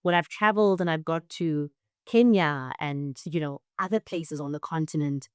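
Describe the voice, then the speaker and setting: A young adult woman from South Africa, whose first language is Shona, is a guest in an interview, reflecting thoughtfully and often adding "right?". Her low voice moves at normal speed with a clean tone in a dry, clean studio recording.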